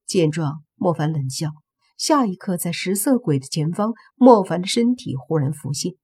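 A narrator reading a web novel audiobook, telling fight scenes in a brisk, dramatic way. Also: mid-range voice, darkish tone, husky.

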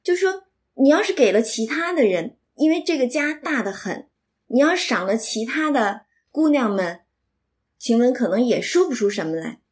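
A woman explaining a classic novel, reading and commenting in an expressive, reflective storytelling manner. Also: fairly high pitch, moderate pace. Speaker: literature lecturer and reader.

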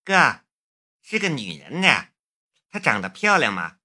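A man's voice: mid-range voice, wildly swooping pitch, a little slow, sharp tone, husky, heavily acted. A man voicing a playful, teasing young woman, the hero's little sister, in an audiobook. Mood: curious. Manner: bubbly, teasing.

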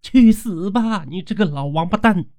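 A man voicing a young village woman who stammers and shouts in a shrill voice. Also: lively intonation, normal speed. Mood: furious. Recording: dull lo-fi recording.

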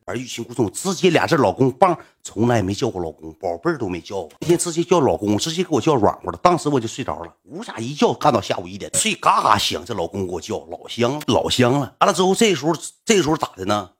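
A man with a Northeastern Chinese accent telling a story casually to a livestream audience, animated and colloquial, swinging between loud and hushed. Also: mid-range voice, fast talker, hardly any pauses, slightly rough. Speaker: livestream host.

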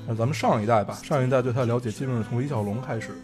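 Young guy, mid pitch, chatting casually on a podcast, bit of guitar music. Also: racing. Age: young adult. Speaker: podcast co-host. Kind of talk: casual film chat. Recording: guitar music behind the talk.

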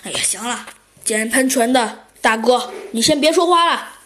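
A woman voicing an eager little male chick police officer in a children's storybook, excitable and bossy. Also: fairly high pitch, moderate pace, close to an everyday voice.

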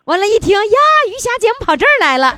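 A woman's voice: very high voice, big pitch swings, quick pace. A woman hosting a casual, chatty interview, teasing playfully and repeating answers to check them. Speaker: show host and interviewer. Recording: noisy crowd in the background.

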